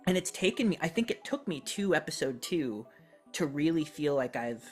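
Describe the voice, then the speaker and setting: A podcast co-host in their thirties talking reflectively and casually, halting and self-correcting as they go. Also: mid-range voice, very animated, darkish tone, faint music behind. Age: 30s. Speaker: podcast co-host and role-playing game player.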